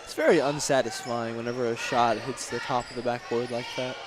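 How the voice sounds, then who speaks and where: A man's voice: medium pitch, steady tone, brisk, noisy background. Joking male color commentator. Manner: joking, conversational. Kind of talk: casual sports commentary. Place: school gymnasium.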